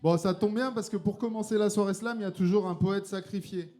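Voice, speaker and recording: A man's voice: high voice, steady tone, fairly quick, a little mellow. A man performing his slam poem live on stage, with playful, laughing asides between verses. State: tipsy from beer. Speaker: slam poet and co-host. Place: live slam venue with audience.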